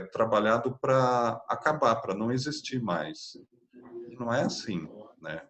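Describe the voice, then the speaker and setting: A man with a Brazilian Portuguese accent teaching an online spiritist course, explaining patiently and often checking in with tag questions. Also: on the low side. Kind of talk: online class lecture.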